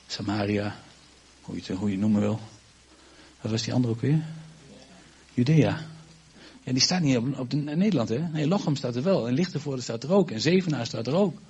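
A man's voice: mid-range voice, a little mellow, breathy edge. A man preaching a sermon to his congregation, emphatic and repetitive, with stumbles and asides to the listeners. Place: church congregation.

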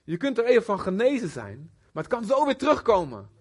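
Guy giving a laid-back sermon, kinda husky, high voice, lots of fillers. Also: brisk. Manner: conversational and animated, with many fillers. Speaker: preacher. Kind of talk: informal sermon.

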